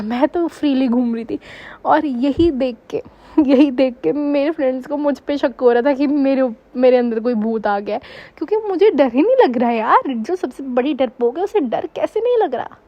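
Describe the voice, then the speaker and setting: A young woman telling a real-life story in a chatty, expressive, dramatic way. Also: high voice, no room sound. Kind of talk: casual storytelling. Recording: dull lo-fi recording.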